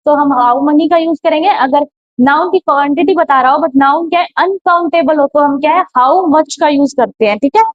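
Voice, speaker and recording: A woman's voice: high-pitched, normal speed, dry recording. A woman teaching grammar in a classroom lecture, explaining step by step and posing rhetorical questions. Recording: dull, slightly lo-fi, dry sound.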